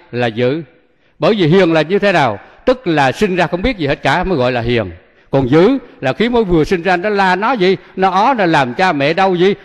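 A man, a Buddhist monk giving a sermon, who pauses mid-sentence so listeners can call out the missing word. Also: fairly high pitch. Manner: leaves sentences open for listeners to finish. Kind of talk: sermon with call-and-response questions. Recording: long hall reverb.

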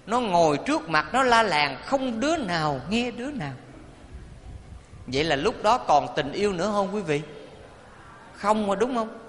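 A man, a Buddhist monk, giving a playful, animated dharma talk to an audience and leading them in chanting. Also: sits high, normal speed, long pauses, a little hiss or hum. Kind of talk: sermon. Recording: reverberant hall, faint ambience.

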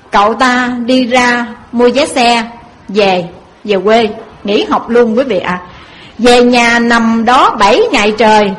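High-voiced woman preaching a moral story. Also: low-quality recording. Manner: emphatic, directly addresses listeners.

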